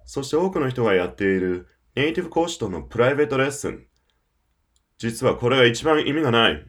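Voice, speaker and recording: A man's voice: medium pitch, animated, fast. Emphatic male audio-course lecturer. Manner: persuasive, emphatic, addresses listener directly. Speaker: English-learning course presenter.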